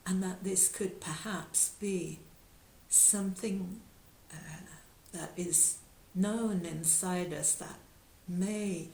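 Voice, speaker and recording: Slow, gravelly-voiced woman teacher. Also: on the low side. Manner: soft-spoken, reflective, halting with pauses. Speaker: spiritual teacher. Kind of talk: reflective storytelling talk. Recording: echoey room with faint hiss.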